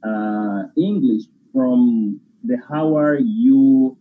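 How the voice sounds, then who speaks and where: A man whose first language is Portuguese, with an Angolan Portuguese accent, chats as a grateful, effusive guest in a casual interview, laughing while he talks. He speaks extremely slowly at a middle pitch for a man, over a thin, phone-like line with faint hiss.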